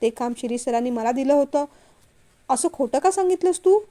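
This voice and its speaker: A gentle young woman from a storybook, soft and coaxing, quick to apologize, read by a woman. Her voice sits high and warm. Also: lively intonation.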